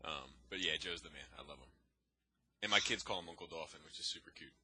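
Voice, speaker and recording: A man in a casual podcast chat who talks haltingly and fills every phrase with "like". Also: a bass voice, heavy background noise. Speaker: podcast co-host.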